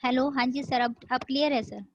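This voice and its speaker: A woman's voice: high-pitched, fairly even intonation, brisk. A woman on a crackly phone line joining an online training call, replying politely and briefly and addressing the host as sir. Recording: muffled, distant, faintly noisy call line.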